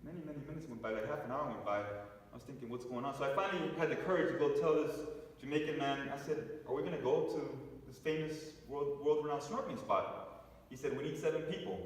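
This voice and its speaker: A man's voice: a little high, fast talker, few pauses. A man giving a talk to a congregation, telling a story with restarts and asides to the audience. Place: church hall. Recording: echoey hall, picked up from a distance.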